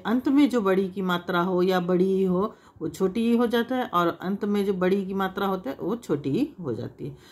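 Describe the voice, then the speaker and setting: A Hindi teacher with a mid-range, darkish voice gives children a language lesson. She explains patiently through repeated examples, drawing out vowel sounds to demonstrate them.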